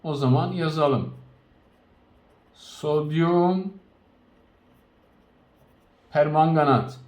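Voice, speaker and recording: A man teaches chemistry in a recorded lesson, his voice sitting a little higher than most men's. He stretches each compound name out slowly and keeps circling back to recap the rules. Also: darkish tone. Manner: slow, spelled-out naming of compounds with frequent recaps; addresses students directly.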